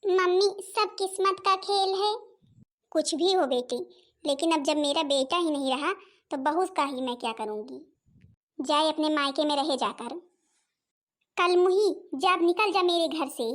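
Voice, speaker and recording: A woman's voice: high voice, a little slow, fairly bright tone. A woman voicing a stern, stingy middle-aged mother-in-law in a cartoon, scolding harshly. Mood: furious. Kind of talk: cartoon voice acting.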